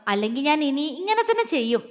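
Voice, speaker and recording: A woman voicing a bold, pushy young woman in a storybook reading, talking loudly and defiantly. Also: sits high, sing-song, brisk. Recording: long echoey reverb.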